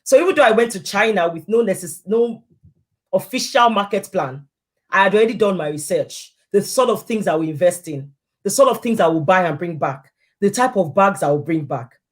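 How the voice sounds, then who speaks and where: A woman's voice: medium pitch, animated, brisk. A woman speaking as a guest in an informal interview. She tells her experiences with animation, acting out quoted conversations in the voices of the people involved. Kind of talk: casual interview chat.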